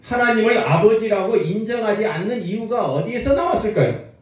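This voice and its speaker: Male pastor, high and animated sermon delivery with call-and-response, distant mic, very echoey hall. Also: fairly quick. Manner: lively preaching with call-and-response to the congregation.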